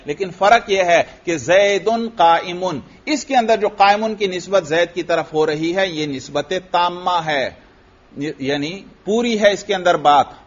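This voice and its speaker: High-voiced Pakistani teacher quizzing his class. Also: muffled recording. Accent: Pakistani Urdu. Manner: explains step by step and quizzes students with questions; recites Arabic grammar examples and then explains them. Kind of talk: classroom lecture.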